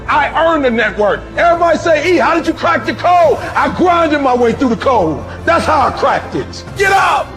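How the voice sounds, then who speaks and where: A man's voice: extremely high pitch, a bit bright. A man giving an emphatic motivational speech with blunt, profane punch.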